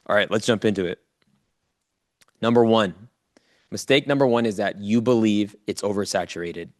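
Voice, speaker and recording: In a clean, dry studio recording, a man with a fairly low voice speaks at normal speed, giving a motivational coaching talk to a live online audience. He talks to listeners informally and directly, repeating key phrases to drive them home.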